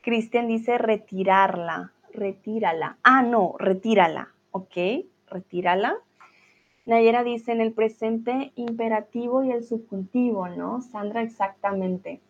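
A woman's voice: a little high, slow pace, lo-fi sound. A woman teaching a live online grammar lesson, patiently reading out student comments and correcting them. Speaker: Spanish teacher.

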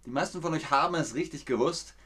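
A man's voice: on the high side, fast talker, fairly bright tone, slightly rough. A man from Austria, hosting a livestreamed dialect quiz in a playful, encouraging way. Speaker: quiz host teaching dialect words.

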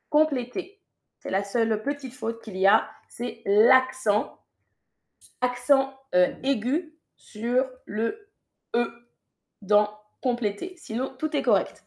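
With a fairly high, fairly bright voice, a woman leads a live-streamed French lesson. She reads viewers' sentences aloud, corrects them patiently and repeats her instructions frequently.

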